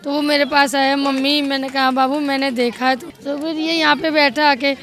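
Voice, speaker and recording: A woman's voice: high voice, level tone, normal speed, fairly bright tone. A middle-aged woman giving a distressed, pleading account in a street interview outdoors. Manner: distressed, pleading, tearful at times. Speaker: victim's stepmother.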